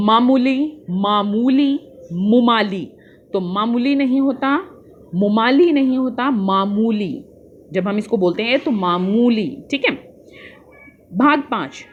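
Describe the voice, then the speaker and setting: A woman teacher patiently walking young children through a worksheet, spelling out answers slowly and calling her pupils "beta". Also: a little high, highs cut off, slight background noise.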